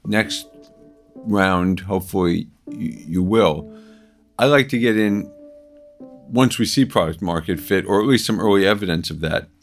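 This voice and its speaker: Man, investor, low voice, halting, repeats words. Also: faint music behind. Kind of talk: business pitch discussion.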